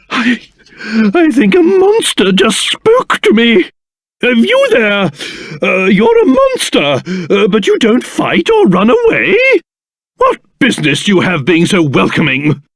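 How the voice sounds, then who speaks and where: An actor with a British accent playing a pompous, excitable old king in a video game, theatrical and blustering, with old-fashioned posh phrasing. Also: high voice, takes it slowly, no room sound, studio quality, exaggerated voice. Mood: startled, flustered, then indignant, blustering. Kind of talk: video game character voice acting.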